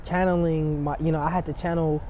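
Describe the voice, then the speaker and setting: A young rapper from San Diego, USA, guests on a casual interview, chatting loosely and laid-back with lots of filler words as he rambles. His fairly high voice is level in tone and fairly quick. The dull, lo-fi outdoor recording has a little hiss or hum.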